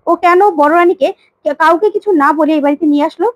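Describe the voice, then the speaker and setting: A woman's voice: high-pitched, fast, no echo, close to an everyday voice. A woman voicing a furious, imperious middle-aged queen who scolds and demands, while retelling a serial plot. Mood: angry.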